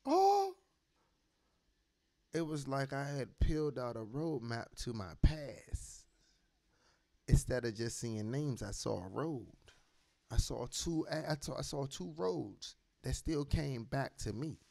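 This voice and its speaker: A man's voice: mid-range voice, very animated, takes it slowly, creaky, mellow. A man hosting a radio show, telling a personal story in casual talk and acting out the quoted dialogue, swearing freely.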